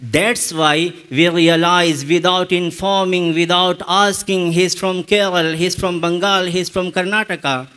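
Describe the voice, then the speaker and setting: A man with an Indian English accent, teaching a spoken English lesson with slow, deliberate explanations and repeated examples. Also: high voice, fairly even intonation, sharp tone, clean tone.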